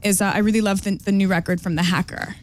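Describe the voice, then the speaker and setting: A woman's voice: mid-range voice, steady tone, fast talker, slight background noise. A woman from New York, chatting as a DJ guest on a radio show, giggly and full of fillers and restarts. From New York, USA. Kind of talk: casual radio interview. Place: radio studio.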